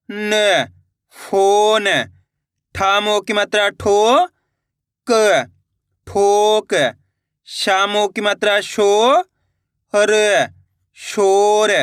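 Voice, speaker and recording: A man teaching a beginner reading lesson, sounding out words slowly syllable by syllable and talking directly to his viewers. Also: high-pitched, a bit bright, smooth, no echo, clean studio sound. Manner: slow syllable-by-syllable spelling, addresses viewers as friends. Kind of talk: video lesson.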